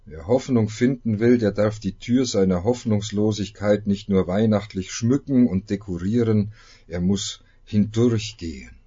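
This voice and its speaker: A man preaching a sermon, opening with a dramatic reading full of long pauses. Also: on the low side, mellow, breathy edge, lo-fi sound. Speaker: pastor.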